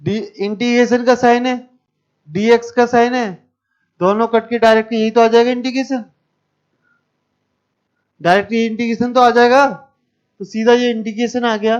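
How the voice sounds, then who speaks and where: Male math teacher, high clear voice, talks students through each step, dull lo-fi recording. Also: little pitch movement, moderate pace, pauses often. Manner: explains step by step, questions the class. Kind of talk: classroom lecture.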